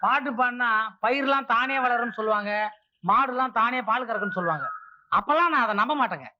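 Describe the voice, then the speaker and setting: A man's voice: extremely high pitch, expressive, fast. An actor playing a cheeky, teasing young man courting a girl in an old film comedy. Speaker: music student in love. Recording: dull noisy old film soundtrack.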